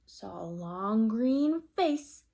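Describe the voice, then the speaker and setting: Slow, expressive storytime reader woman. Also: a little high, gravelly. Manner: slow and expressive, asking children questions. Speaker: teacher reading aloud. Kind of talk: children's read-aloud storytime.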